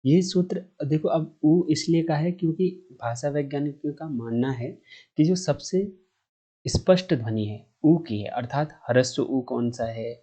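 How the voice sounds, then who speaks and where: A man's voice: on the high side, animated, a little slow, dark tone. A man teaching Sanskrit grammar online. He explains step by step, asks himself questions and answers them, and stretches vowel sounds to show their length.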